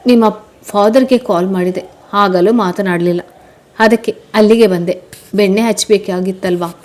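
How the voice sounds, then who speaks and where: A man's voice: high-pitched, steady tone, normal speed, a little mellow, natural voice. A woman voicing a playful young man teasing his fiancée, with an affectionate tone.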